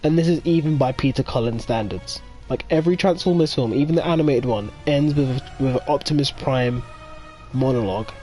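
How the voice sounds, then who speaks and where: A man commenting on a game playthrough in an excitable, rambling way. His voice sits at a middle pitch, with soft game music underneath. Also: fairly quick. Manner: excitable, rambling fan talk. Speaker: gaming video host. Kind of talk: casual let's play commentary.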